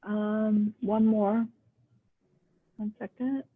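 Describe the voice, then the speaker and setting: A woman's voice: mid-range voice, flat delivery, drawn-out words, slightly rough. A woman acting as meeting clerk, heard over a group voice call, hesitant and searching aloud as she manages callers. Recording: tinny phone-like call audio.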